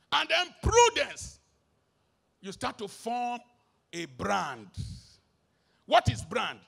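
A Nigerian man preaching a sermon live at a concert, swinging between shouted lines and low muttered asides, slipping into pidgin. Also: creaky.

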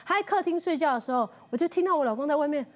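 A woman speaks in a high voice, recorded on a lapel mic in a TV studio kitchen. She is a chatty guest who acts out the people in her story as she tells it. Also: very fast. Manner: lively storyteller, acts out quotes. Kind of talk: animated anecdote-telling and cooking demo.

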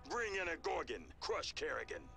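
A man's voice: fairly high pitch, very animated, normal speed, gravelly. A man playing a hostile military commander in a video game, barking battle orders. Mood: hostile, commanding. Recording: game audio under loud music and gunfire.

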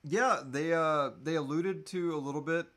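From a couch in a small room, a man in his thirties banters playfully as co-host of a live Q&A. He speaks at a normal pace in a fairly bright voice that sits on the high side.

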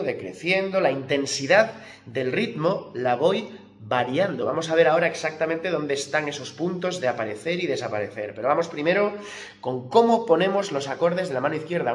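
A man teaching guitar, stressing key points and voicing the strum rhythms aloud. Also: a little high. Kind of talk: guitar lesson explanation. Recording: roomy echo with acoustic guitar.

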